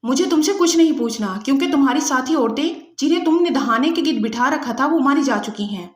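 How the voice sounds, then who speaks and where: A ruthless female agent who taunts her prisoner with cold, mocking sarcasm, read by a woman narrator. Her voice sits high and carries a roomy echo. Every word drips menace. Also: natural voice. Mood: sarcastic menace.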